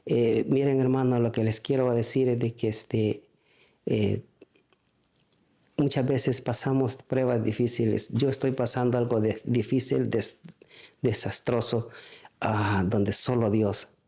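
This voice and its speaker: A man giving a spoken church testimony, halting, with frequent restarts and fillers. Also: mid-range voice, steady tone, vocal fry, a little mellow.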